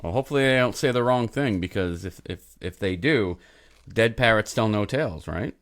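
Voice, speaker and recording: A man's voice: lowish voice, lively intonation, moderate pace, a bit bright. A man hosting a podcast in casual chat, easygoing, asking his co-host questions. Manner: easygoing, asks questions, laid-back.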